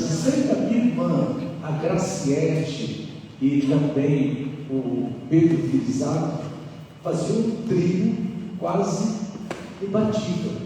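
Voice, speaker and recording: A pastor in his sixties from Angola, speaking with a Brazilian accent, teaches a seminar before an audience in a church hall. His voice is fairly high and mellow, and he talks conversationally, sharing personal anecdotes and addressing listeners directly. The hall is echoey, the mic distant, with faint noise.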